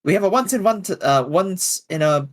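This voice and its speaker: A player in a tabletop role-play game talks in character, stalling with fillers and fumbling words. The voice swings up and down a lot in pitch. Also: lively intonation, normal speed, dry recording, studio quality.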